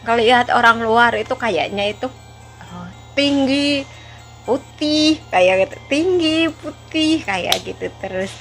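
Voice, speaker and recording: A woman chats through a vlog story at an unhurried, drawn-out pace, in a fairly high voice. She keeps breaking into giggles and teasing herself, with soft music playing faintly behind her. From Java. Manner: giggly, self-mocking, laughs often between phrases. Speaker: vlogger.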